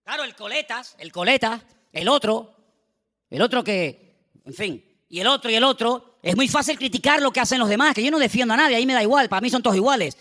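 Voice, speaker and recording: Animated preacher in a reverberant church. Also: male voice, very high-pitched, brisk. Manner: animated preaching, acting out biblical voices, asides to congregation. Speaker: pastor. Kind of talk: sermon. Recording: long reverb of a church hall.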